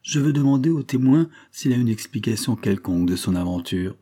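A man's voice: medium pitch, animated, brisk, warm tone, natural voice. A man voicing an old, seasoned male lawyer with a mocking, self-assured manner in an audiobook reading.

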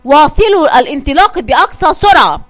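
A woman's voice: sits high, lively intonation, fast, fairly bright tone. A woman voicing a bold, commanding male sea captain as she reads a children's story, barking short orders.

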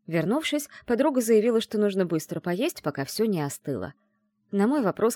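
Expressive woman reading a fantasy novel. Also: fairly low pitch, no echo, studio quality. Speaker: audiobook reader. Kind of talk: first-person fiction narration.

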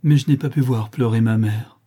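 A man's voice: mid-range voice, normal speed, dark tone, slightly rough, lightly acted. A man voicing a dignified young countess in an audiobook, speaking in an earnest, pleading yet firm way. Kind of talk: audiobook character reading.

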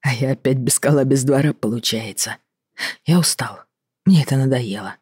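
A reader voicing a tired, fed-up middle-aged doctor in an audiobook, reproachful and measured. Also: mid-range voice, a little mellow, slightly rough, dry recording, clean studio sound, natural voice. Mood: weary. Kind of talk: audiobook reading.

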